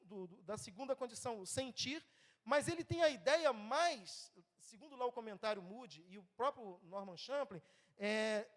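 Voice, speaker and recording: A man in his thirties with a Brazilian Portuguese accent, preaching a sermon in a church, conversational and often checking in with the congregation. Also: extremely high pitch. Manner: lively, swings between loud and soft.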